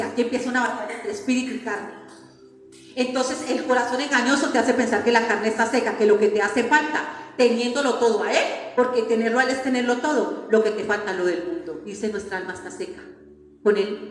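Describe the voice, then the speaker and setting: This Colombian woman preacher has a fairly high voice and talks a little quickly as she hammers her congregation with one rhetorical question after another. The sermon takes place in a church hall whose long reverb makes everything echo.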